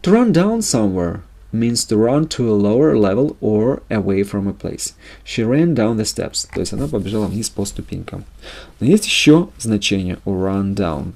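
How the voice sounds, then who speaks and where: Gravelly low-voiced man teaching a lesson. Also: very animated, moderate pace, darkish tone. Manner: reads English examples then translates them into Russian. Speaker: English teacher. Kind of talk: language lesson narration.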